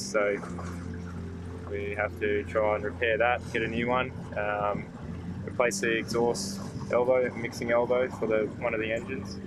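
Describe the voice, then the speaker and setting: A man's voice: fairly low pitch, noisy background. Easygoing young man on a boat. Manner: easygoing, rambling with fillers. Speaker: sailing vlogger. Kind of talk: casual vlog chat. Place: sailboat outdoors on the water.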